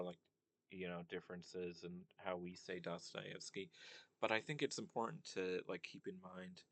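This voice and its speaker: A young man with a very low voice talks through his thoughts in a loose, unscripted monologue. He circles back often, leaning on fillers and restarting his sentences. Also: a bit bright. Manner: rambling, many fillers and restarts. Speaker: commentator on language. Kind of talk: casual monologue.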